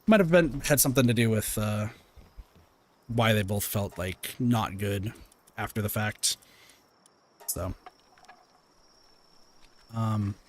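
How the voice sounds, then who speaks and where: A man with a soothing, lowish voice chats casually with viewers as he streams a game, speaking slowly and pausing often. He rambles, full of fillers and restarts, and mildly swears now and then.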